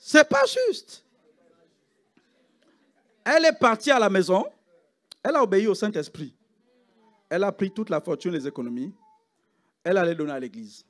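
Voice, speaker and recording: A man preaching a sermon as pastor in a church, swinging between loud calls and hushed drops. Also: high voice, animated, brisk, long pauses. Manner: preaching with rising shouts and sudden hushed drops.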